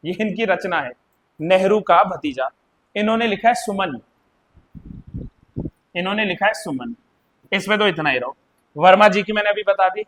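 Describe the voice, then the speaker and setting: Guy with a high voice running an exam coaching class, repeats stuff a lot, keeps quizzing the students, uttarakhand hindi accent. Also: fairly bright tone, a little hiss or hum. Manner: talkative, explains by repeating words and asking the class. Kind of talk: live Hindi grammar and literature class.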